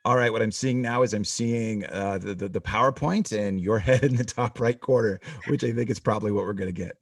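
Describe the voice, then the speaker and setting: A man running the stream's tech, talking in a halting way on a video call. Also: fairly low pitch, no room sound, studio quality, distant mic. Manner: halting, restarts words. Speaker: stream technician. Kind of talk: casual chat.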